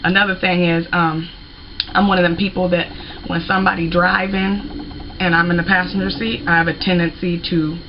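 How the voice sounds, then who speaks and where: A young woman in a casual vlog rant, blunt and animated, full of colloquial asides. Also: on the low side, normal speed, lo-fi sound, noisy background. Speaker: vlogger.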